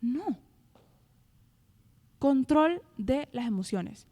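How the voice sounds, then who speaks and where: Young woman, high voice, animated Bible podcast co-host, acts out quotes. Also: normal speed, long reverb tail. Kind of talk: Bible study podcast talk.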